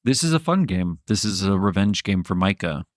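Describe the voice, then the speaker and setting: A man with a fairly low voice talks football in loose, rambling chat, laughing partway through his sentences and swearing now and then. The sound is dry and close, with no room around it. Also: very animated, moderate pace, no echo. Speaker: podcast co-host. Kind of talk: casual sports chat.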